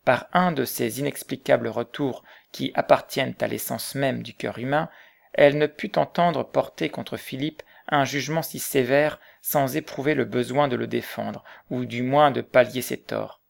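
A man narrating a novel in a measured, literary reading style. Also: medium pitch, fairly even intonation, gravelly.

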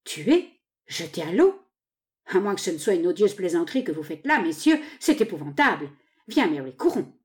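A woman's voice: fairly low pitch, very animated, moderate pace, darkish tone. A woman reading aloud, voicing a shocked, indignant young American woman in an urgent, raised voice. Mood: horrified.

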